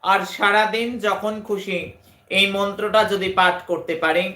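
A woman's voice: mid-range voice, fairly even intonation, normal speed, pushed and bright, reverberant. A woman spiritual guru giving a devotional address with mantras and daily forecasts, speaking in a declamatory, repetitive and emphatic way.

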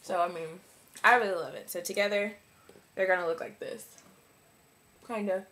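A woman's voice: on the low side, fairly even intonation, normal speed, fairly bright tone, slight background noise. A young woman talking through a casual makeup review in a chatty, rambling way, full of likes and ums. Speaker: beauty vlogger.

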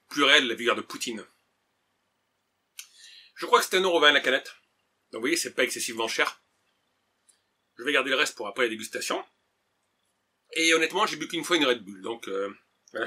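A man's voice: mid-range voice, bright, forceful tone. A man casually chatting while unboxing and tasting snacks on camera, hesitant and full of fillers. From France. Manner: chatty, hesitant, many "euh" and "voilà". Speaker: vlogger tasting food.

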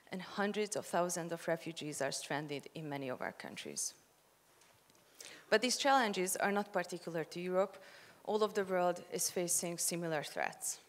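A young woman gives a measured, prepared opening speech from notes on stage, speaking into a handheld mic. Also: on the low side. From Hungary. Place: large conference hall, on stage. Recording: long hall reverb.

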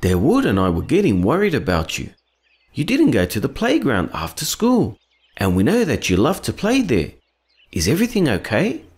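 A man's voice: medium pitch, wildly swooping pitch, moderate pace, darkish tone, slightly rough. A man voicing a kind, wise cartoon friend who guides children in an earnest, encouraging, instructive way. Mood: caring. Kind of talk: children's educational cartoon acting.

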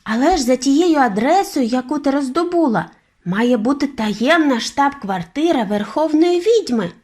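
A woman doing an eager little boy, high and excited. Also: normal speed. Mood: amazed. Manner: eager, impatient, exclaiming. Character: excited young boy turned mouse. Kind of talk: audiobook reading for children.

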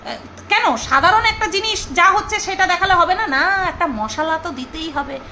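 A woman vlogger chats her way through a commentary on someone else's videos. Her voice sits very high and sounds bright and crisp as she teases and scolds. A faint noise runs under the recording. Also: lively intonation, normal speed, poor audio. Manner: chatty, teasing, scolding, mock-mimics others. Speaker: vlogger reacting to another creator. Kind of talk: casual commentary vlog.

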